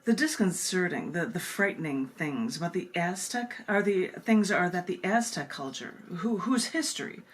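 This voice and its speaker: With a voice on the low side, animated and at normal speed with few pauses, a woman poet recites at a book reading she hosts. Between poems she offers casual commentary in emphatic phrasing, and background noise comes through clearly.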